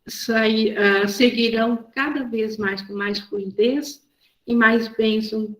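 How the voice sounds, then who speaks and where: Female group leader, unhurried and gentle, echoey room on a call. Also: fairly high pitch, fairly even intonation. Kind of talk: leading an online spiritual study session. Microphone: video call.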